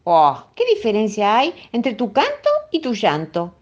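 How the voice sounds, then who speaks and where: A woman's voice: mid-range voice, wildly swooping pitch, a little slow, lo-fi sound, voice pushed up. A woman with a Rioplatense accent playing an absent-minded young boy with an anxious, pleading manner. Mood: worried. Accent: Rioplatense Spanish.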